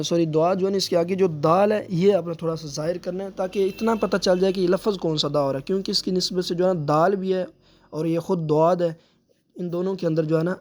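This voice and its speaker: A man teaching Quran recitation step by step, patiently explaining and drawing out letter sounds slowly. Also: high-pitched, a little mellow.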